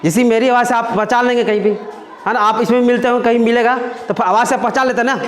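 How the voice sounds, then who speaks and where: This man's very high, somewhat bright voice moves at a quick pace with fairly even intonation as he teaches science. In an echoey classroom, he chats with students, repeats phrases, and asks "है ना?" often.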